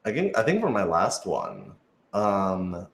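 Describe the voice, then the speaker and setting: On a live stream from an indoor office, a radio drama creator answers fan questions in a low, gravelly voice whose pitch swoops wildly. He talks casually and without a script at a measured pace, thoughtful and hedging, tossing in joking asides. The room sounds roomy and echoey.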